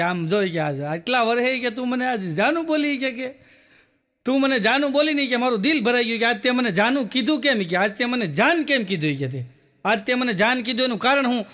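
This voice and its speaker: A male comedian tells jokes as stories. His voice sits very high and sounds bright and forceful. He keeps switching into the people he quotes and sprinkles little repeated filler words. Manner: storytelling with quoted dialogue, repeats "ke, ke". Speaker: stand-up comedian. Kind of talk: Gujarati joke telling.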